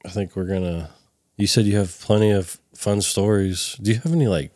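A man's voice: on the low side, fairly even intonation, brisk, darkish tone, no echo, clean studio sound. A man in his thirties hosting a podcast, loose and joking, swearing often. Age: 30s. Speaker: podcast host. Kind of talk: casual podcast chat.

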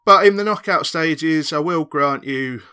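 Panelist, man, bright-toned, rambling and enthusiastic. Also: a little high, measured pace, clean tone. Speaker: podcast panelist. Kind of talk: casual chat.

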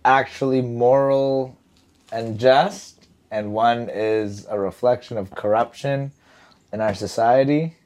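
A man's voice: mid-range voice, fairly even intonation, slow, darkish tone. Laid-back joking male co-host. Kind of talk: casual chat.

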